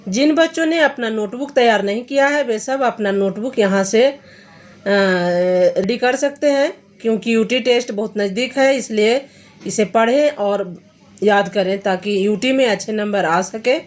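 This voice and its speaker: A woman's voice: a little high, measured pace, a little mellow. A woman teacher going through Hindi grammar questions for students, reading each question and then patiently explaining the answer.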